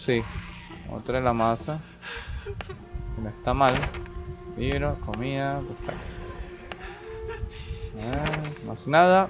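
A man's voice: mid-range voice, slow pace, long pauses. A man hosting a gaming channel, giving casual gameplay commentary and thinking aloud as he plays. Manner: rambling, thinks aloud while playing. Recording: game music playing behind the voice. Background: game music.

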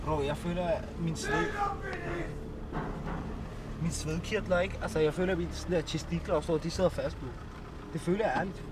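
A young man hosts a vlog from inside his car at a drive-through attraction, joking and teasing in brash, slang-heavy casual talk. His voice is a little high with lively intonation, he pauses often, and the in-car recording is noisy.

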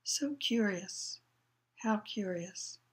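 A woman voicing an eccentric old male wandmaker, fussy and eerie, moving from low murmurs to excited cries. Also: measured pace, close to an everyday voice. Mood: delighted, muttering.

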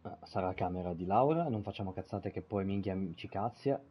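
A man's voice: sits low, a little fast, slightly rough, muffled recording. A man streaming a game, swearing casually and stumbling as he reads in-game texts aloud. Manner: swears casually, stumbles over words while reading. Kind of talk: live gameplay commentary and reading in-game texts aloud.

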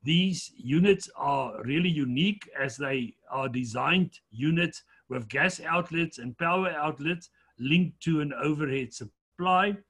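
A man presenting slides in a lecture, measured but fairly quick, with frequent fillers. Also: on the high side, a bit bright, slightly rough.

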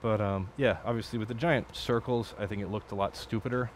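A man with a fairly low voice talks his way through a late-night build at his home workbench. He rambles, swears and corrects himself as he goes. A faint hiss sits under the recording. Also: steady tone, brisk. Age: adult. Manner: rambling, profane, self-correcting. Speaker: electronics hobbyist streamer. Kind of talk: casual build commentary.

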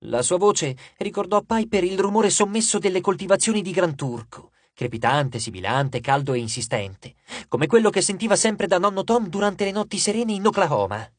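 A male audiobook narrator tells the story with dramatic flair, his pitch rising and falling widely. His voice sits a little high with a husky texture. He is recorded close on a studio microphone in a dry booth. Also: lively intonation, normal speed, hardly any pauses, no echo.

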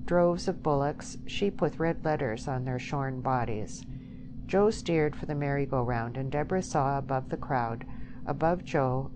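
Woman reading an audiobook, low voice, even pace, hiss behind. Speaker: audiobook narrator. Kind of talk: scripted novel narration. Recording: steady background hiss.

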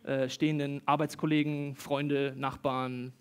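A man preaching a lively sermon to a congregation, reading Bible passages and acting out the quoted voices. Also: mid-range voice, measured pace, clean tone. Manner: animated, acts out quoted voices, talks directly to the congregation. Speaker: pastor. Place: church service hall with an audience. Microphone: stage microphone.

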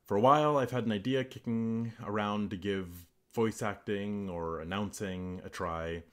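A man with a deep announcer-style delivery who talks into his laptop microphone, then reads aloud as an amateur voice actor. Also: normal speed. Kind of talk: self-recorded vlog and dramatic reading.

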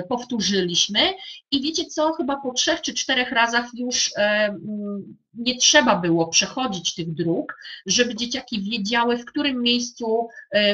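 A woman's voice: on the high side, a bit bright. A woman teacher explaining a classroom activity to other teachers, with many fillers and restarts. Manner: addresses fellow teachers directly. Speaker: primary school teacher. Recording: dull lo-fi sound.

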